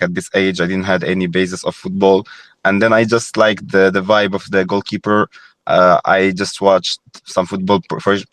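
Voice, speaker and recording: A young Moroccan man who used to be a goalkeeper speaks reflectively as a podcast guest. His voice is deep and a bit bright, and he uses frequent fillers and restarts.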